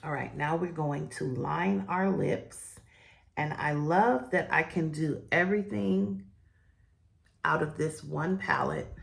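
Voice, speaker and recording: Croaky low-voiced woman vlogger. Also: slow, a little hiss or hum. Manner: chatty, rambling, warm sign-offs to viewers. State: croaky morning voice. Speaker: beauty vlogger and host. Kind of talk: chatty get-ready-with-me talk.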